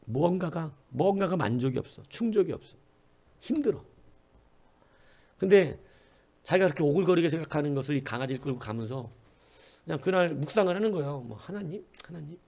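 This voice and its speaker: Man, pastor, sermon, animated storyteller, acts out quoted lines, pitch swings widely. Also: fairly quick, vocal fry, pauses often. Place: church.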